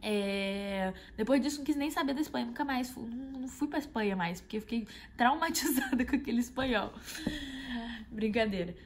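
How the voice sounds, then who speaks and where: A young Brazilian woman casually telling a travel anecdote, animated and often addressing her viewers directly. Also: fairly high pitch, brisk, slight background noise. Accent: Brazilian Portuguese. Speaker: travel vlogger. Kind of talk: casual storytelling.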